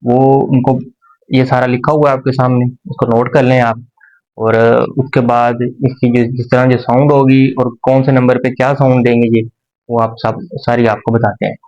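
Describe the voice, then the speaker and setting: A man of average pitch teaching a beginner's language class. He explains step by step, slowly and patiently, pausing and repeating points as he goes. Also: level tone, a little mellow, lo-fi sound. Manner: slow, patient explanation with pauses and repetitions. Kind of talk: explaining a lesson.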